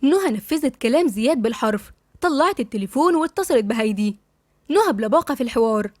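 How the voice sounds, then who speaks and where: A woman with an Egyptian accent narrating a novel in a brisk, dramatic reading style. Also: on the high side, lively intonation, no room sound, clean studio sound. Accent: Egyptian Arabic. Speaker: audiobook reader.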